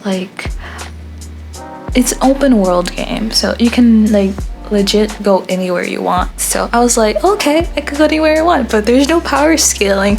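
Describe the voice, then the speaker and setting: A young woman talks through a drawing session in a loose, rambling way, full of ums and asides. Her voice sits at an ordinary pitch for a woman, and faint music plays softly behind her. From born in Haiti, grew up in Florida. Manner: rambling, relaxed, frequent ums. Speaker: artist vlogger. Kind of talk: casual voice-over chat while drawing.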